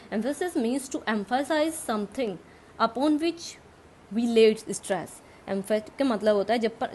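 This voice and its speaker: Fast-talking teacher with Indian accent. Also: female voice, a little high, darkish tone, slight background noise. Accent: Indian English. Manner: explains slowly and repeats key terms to students. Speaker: school English teacher. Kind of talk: grammar lesson mixing English and Hindi.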